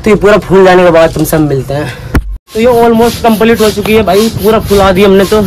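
Young man with rural north Indian accent, high voice. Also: fairly quick. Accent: rural north Indian Hindi. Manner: joking, teasing friend. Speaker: vlogger. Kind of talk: casual vlog chat. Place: outdoor rooftop with pool. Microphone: handheld phone camera. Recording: noisy outdoor phone audio.

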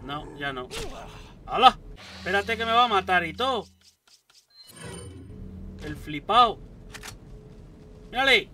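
A young man giving excitable let's play commentary, swearing often and talking back at the enemies on screen. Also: high-pitched, slow, pauses often, distant mic, faint music behind. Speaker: gaming YouTuber. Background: gunfire and game sounds.

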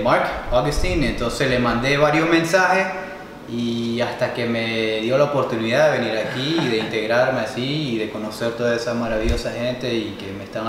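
Hesitant man in his twenties, echoey room. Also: mid-range voice. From Nicaragua, raised in Canada. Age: 20s. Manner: hesitant, soft-spoken, trailing off. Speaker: guest. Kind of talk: casual interview. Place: bright room, seated on a leather couch. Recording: echoey room with reverb and background noise.

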